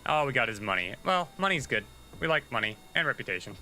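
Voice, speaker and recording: A man's voice: medium pitch, big pitch swings, quick pace, bright, forceful tone, a little hiss or hum, rough recording. A man giving casual, chatty commentary while livestreaming a game, thinking aloud and muttering asides to himself. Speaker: livestreaming gamer.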